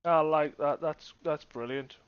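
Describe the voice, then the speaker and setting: A man's voice: fairly high pitch, measured pace, clean tone, no echo. A man co-commentating live on snooker in a conversational way, often giving his own verdicts, on a dull lo-fi recording. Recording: dull, lo-fi microphone sound.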